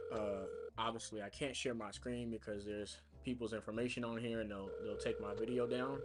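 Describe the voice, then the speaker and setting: A man live streaming his cold calls, chatty and full of fillers as he explains what he's doing. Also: medium pitch. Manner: chatty, explains as he works, many fillers and restarts. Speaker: real estate caller livestreaming his work. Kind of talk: casual live stream talk. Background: music.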